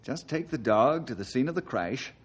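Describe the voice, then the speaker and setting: An actor playing a calm, kindly, confident Western ranger in an old-time radio drama, with a folksy, earnest, reassuring manner. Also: male voice, mid-range voice, normal speed, breathy edge. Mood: calm, determined.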